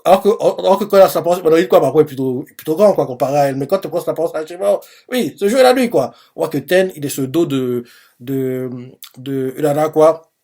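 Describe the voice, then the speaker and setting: A man reacting live to a manga chapter, walking through each panel in loose, rambling speech. He leans on fillers and restarts as he goes, and his voice sits a little high for a man. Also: fast talker, mellow. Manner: rambling, heavy use of fillers.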